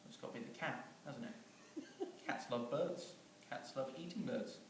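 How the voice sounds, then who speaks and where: Rambling and chuckling as he goes, a man tells an absurd comic story, stumbling over fillers and restarts. His voice is medium in pitch and a little slow. The recording is noisy and echoey, with him far from the mic.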